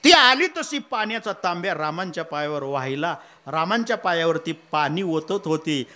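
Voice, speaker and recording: A man tells a devotional epic in a folksy, humorous way and turns to his listeners with asides. His voice sits high and sounds bright. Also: animated, moderate pace. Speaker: kirtan preacher. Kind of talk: humorous Ramayana discourse.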